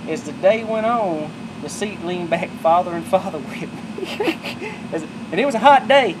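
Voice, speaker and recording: With a high-pitched, lively, unhurried voice, a middle-aged man gives a casual show-and-tell of his boat upgrades in a backyard, rambling folksily and correcting himself. Loud background noise fills the outdoor camera audio.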